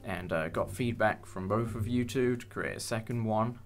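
Over soft background music, a young adult host and audio drama producer talks at a moderate pace in a lowish voice. His casual behind-the-scenes chat about the production is hesitant and full of appreciation.

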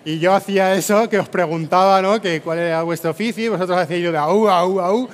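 A man with a Spain Spanish accent giving a motivational conference keynote, speaking energetically to a live audience and tagging his phrases with quick "eh?" and "no?". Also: high-pitched, in a large hall. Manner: energetic, peppers speech with "¿eh?" and "¿no?" tags; addresses and rallies a live audience. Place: conference stage before an audience.

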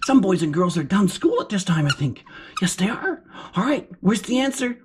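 Woman as an excitable puppet kids show host, swooping pitch. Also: normal speed, lightly acted. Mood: excited, encouraging. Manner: exclamatory, gasping, encouraging kids show host. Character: excitable, encouraging furry yellow puppet teaching children. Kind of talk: children's lesson, sing-out praise and questions. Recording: clear background noise.

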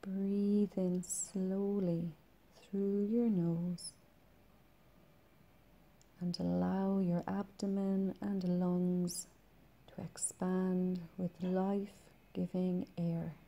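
A woman guides a meditation in a soft, breathy and soothing voice that is very dark and relaxed. She speaks slowly, with long pauses, and keeps her pitch even and flat.

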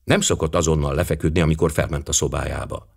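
A man narrating an audiobook in a measured, expressive storytelling manner. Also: rumbling low, vocal fry, slightly rough.

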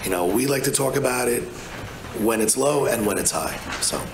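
The room echoes and the background is noisy as a medium-pitched man talks at normal speed. He's an energy advisor on a panel in a large hotel conference room, blunt and chatty, restarting frequently and saying "you know" a lot.

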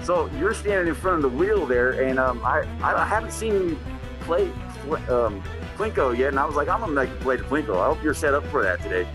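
A man's voice: fairly high pitch, expressive, brisk. A man chatting casually as a game show contestant over a video call. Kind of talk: casual excited chat. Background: music.

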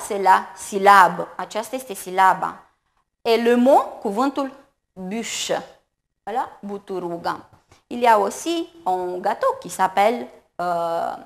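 Slow, careful woman teaching French. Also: mid-range voice. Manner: slow, careful enunciation of syllables and words; repeats each phrase in two languages. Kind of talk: bilingual TV lesson, French with Romanian translation.

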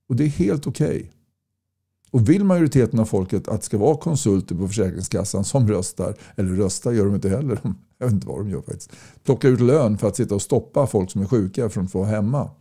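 Gravelly, dark-voiced man. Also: lowish voice. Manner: blunt, folksy, repeats points with rhetorical questions. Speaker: political campaigner. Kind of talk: casual direct-to-camera talk reading viewer comments.

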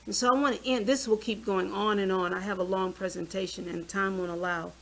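Speaking fairly quickly in a mid-range voice, a sixty-year-old woman delivers a health talk at a small church hall podium. She keeps it lively and conversational, putting questions to her audience.

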